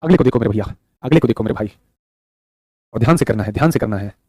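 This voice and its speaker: Guy teaching live online, super fast, dry close mic sound, keeps saying beta and bhaiya, reads the chat out. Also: fairly low pitch, animated, darkish tone, no room sound. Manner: repetitive and affectionate, calls students son and brother; reads viewers' chat aloud. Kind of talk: live online exam-prep class. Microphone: studio microphone.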